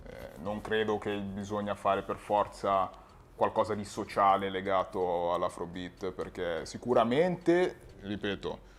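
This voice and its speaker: A man, a music producer, talking casually in an interview in a halting, self-correcting way. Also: fairly low pitch, slight background noise.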